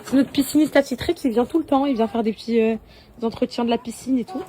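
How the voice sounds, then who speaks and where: A woman's voice: a little high, fairly even intonation, fast, dark tone, slight background noise. A young woman and mother chatting casually to her followers on a phone story from her kitchen and garden, bubbly and gushing. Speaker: lifestyle influencer and mother. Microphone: handheld phone.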